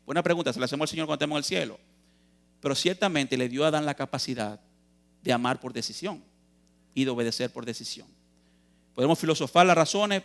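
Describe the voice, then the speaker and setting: A man's voice: fairly high pitch, gravelly, fairly bright tone. A man preaching a youth sermon in a church, earnest and emphatic, posing questions and answering them, calling his listeners brothers.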